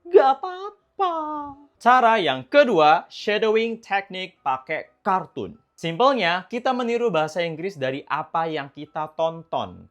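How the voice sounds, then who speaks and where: A woman's voice: lowish voice, very animated, a little slow, soft background music. A young woman giving casual, chatty, encouraging English-learning tips in a vlog. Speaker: English tutor vlogger.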